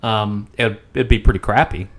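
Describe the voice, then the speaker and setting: A man's voice: lowish voice, steady tone, moderate pace. A man co-hosting a sports podcast in casual chat, blunt and self-deprecating. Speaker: podcast co-host.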